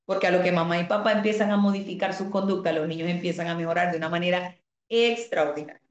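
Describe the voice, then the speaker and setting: A woman teaching an online parenting class, explaining calmly, reading out comments from students and asking the class questions. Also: on the low side, fast, roomy sound, highs cut off. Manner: asks the class rhetorical questions.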